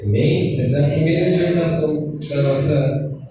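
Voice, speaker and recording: A man's voice: on the high side, moderate pace, dark tone, a little hiss or hum. Brazilian man preaching in an echoey church. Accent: Brazilian Portuguese. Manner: storytelling with acted quotes, addresses the congregation. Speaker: preacher and schoolteacher. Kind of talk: sermon. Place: church hall. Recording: echoey church from far off, faint ambience.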